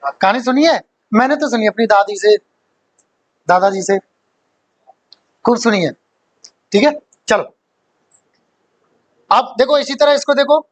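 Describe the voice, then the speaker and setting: A man's voice: very high voice, a bit bright, poor audio. A man teaching an exam-prep grammar lesson, joking with his students, quizzing them and laughing often.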